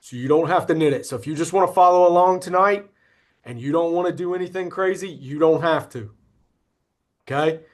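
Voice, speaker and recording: Relaxed male instructor on a video call. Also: on the high side, fairly quick. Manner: relaxed, repeats "okay?" to check in. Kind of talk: online class lecture. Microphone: computer mic on a video call.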